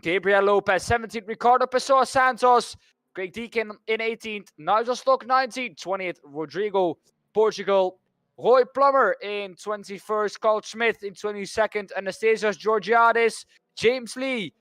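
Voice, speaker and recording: A man's voice: sits high, normal speed, fairly bright tone, no echo. A man from the Netherlands commentating a sim racing broadcast, rambling and correcting himself as he stumbles over names. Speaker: race commentator.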